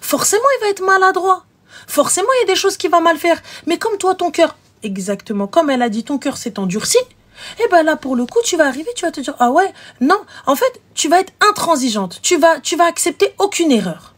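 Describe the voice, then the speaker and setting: A woman hosting a live show, giving frank, animated relationship advice and acting out little scenes. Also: very high voice, brisk. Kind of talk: casual advice chat.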